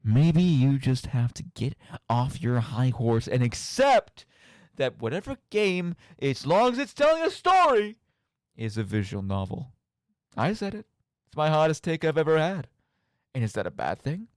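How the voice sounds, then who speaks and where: A slightly high male voice rambles through a casual solo radio monologue on video games, getting animated with theatrical mock outbursts and conversational asides. The studio-quality recording is dry.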